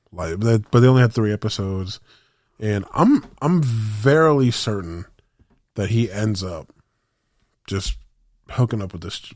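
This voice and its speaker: Lowish slangy guy rambling a story. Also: darkish tone, dry recording, studio quality. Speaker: podcast co-host. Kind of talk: casual chat.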